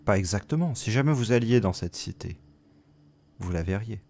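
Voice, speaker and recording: A man voicing a mysterious, aloof watcher spirit that speaks slowly and quietly. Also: lowish voice, expressive. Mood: hushed, enigmatic. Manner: slow, hushed, measured.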